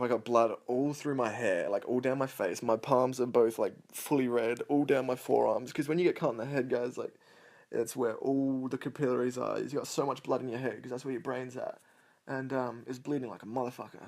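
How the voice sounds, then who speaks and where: A man's voice: mid-range voice, darkish tone. A young man casually telling a long personal story, rambling, swearing a lot and laughing between lines. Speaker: storyteller over gameplay.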